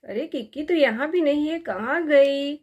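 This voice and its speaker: A woman's voice: sits high, moderate pace, darkish tone, highs cut off, close to an everyday voice. A woman voicing an anxious young mother searching for and pleading for her daughter in a doll story. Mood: worried.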